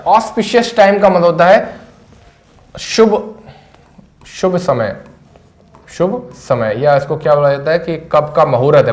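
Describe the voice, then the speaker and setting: A male English teacher with a Hindi accent runs through a vocabulary list at a board. His voice sits a little high for a man, and he repeats each word and its meaning several times. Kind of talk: vocabulary lesson to camera. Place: classroom with a board.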